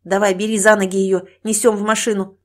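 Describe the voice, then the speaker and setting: A woman's voice: mid-range voice, flat delivery, brisk, close to an everyday voice. Woman reading as an older man, firm, brusque, commanding, audiobook.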